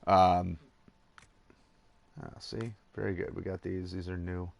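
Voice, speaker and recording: A man's voice: low-pitched, level tone, a little slow, vocal fry, a little hiss or hum. A tired man rambling through casual gameplay commentary, chuckling at himself and hesitating often. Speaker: let's play gamer.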